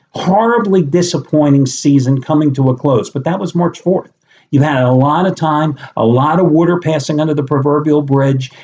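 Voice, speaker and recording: A middle-aged man talks through a betting pick in a blunt, offhand way, dropping the odd mild curse. His voice sits at an ordinary pitch for a man. The recording is a little dull and lo-fi. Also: warm tone. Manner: blunt and conversational, with mild swearing. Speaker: sports handicapper. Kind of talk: sports betting preview monologue.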